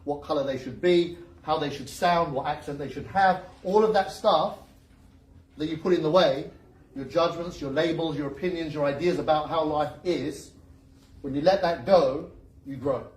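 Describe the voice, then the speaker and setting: Man, seminar speaker, slightly high voice, joking, quizzing the crowd, roomy echo, distant mic. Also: moderate pace. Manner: lively, joking, asks the crowd questions. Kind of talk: motivational seminar talk. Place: seminar room with an audience. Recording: echoey room recorded from a distance.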